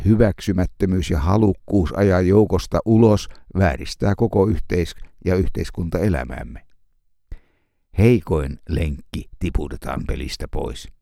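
A man preaches a quiet devotional sermon in a low, mellow voice. His delivery is measured and gentle, never hurried. The recording is dry, with no room sound around him. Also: gravelly, no room sound. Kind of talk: calm devotional sermon with read prayer.

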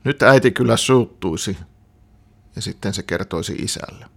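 A man calmly reading a children's story aloud. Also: lowish voice, creaky.

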